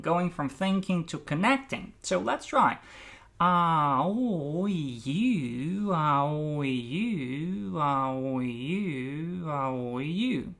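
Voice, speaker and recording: A speech coach giving an articulation lesson, demonstrating drills with deliberate, stretched and stressed words. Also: medium pitch, a bit bright.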